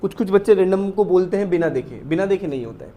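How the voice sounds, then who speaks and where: A man with an Indian accent teaching a maths lesson. He explains step by step, reads English definitions slowly and keeps asking his students if it is clear. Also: high voice, expressive, mellow. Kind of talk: classroom lecture mixing Hindi and English.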